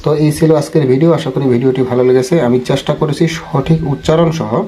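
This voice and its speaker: Patient, mellow-voiced male language teacher. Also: medium pitch, steady tone, fairly quick, a little hiss or hum, poor audio. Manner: explains patiently, repeats each word, checks in with "ঠিক আছে?". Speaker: English teacher. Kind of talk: spoken English lesson in Bengali.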